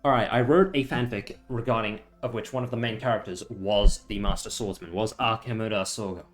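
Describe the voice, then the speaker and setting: A man streaming a live reaction to a manga chapter, excitable, swearing and thinking aloud. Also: on the low side, brisk, soft background music. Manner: excitable, swearing, laughing asides.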